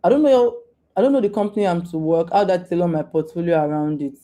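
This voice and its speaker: Low mellow-voiced woman coaching on a call. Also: fast. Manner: informal, repeats and restarts, coaching tone. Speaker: guest speaker on data careers. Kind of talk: live online Q&A session. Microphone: video call.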